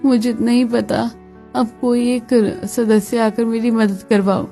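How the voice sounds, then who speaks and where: A woman's voice: a little high, level tone, slow, gravelly, warm tone, soft background music. A woman voicing a fed-up young wife in a cartoon, complaining emphatically. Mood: indignant.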